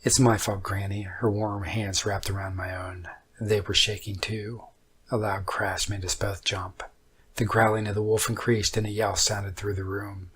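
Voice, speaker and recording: Low, husky man narrating horror, hushed and haunting. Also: little pitch movement, measured pace. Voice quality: low, husky, breathy voice often dropping toward a whisper. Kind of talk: first-person scary story narration.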